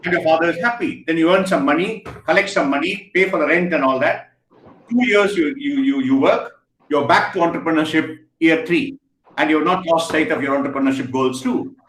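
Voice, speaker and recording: An energetic man teaches over a video call in a high, lively voice. He quizzes his listeners and cheers them on. The sound comes from an echoey room with a faint hiss behind him. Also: brisk. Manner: energetic, questioning and praising students. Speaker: guest speaker. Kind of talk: interactive online lecture.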